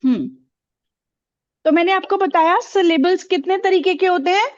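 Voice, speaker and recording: Woman teacher in a classroom, super high voice, keeps asking questions, kinda muffled lo-fi audio. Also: moderate pace. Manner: asks questions and repeats answers, encouraging.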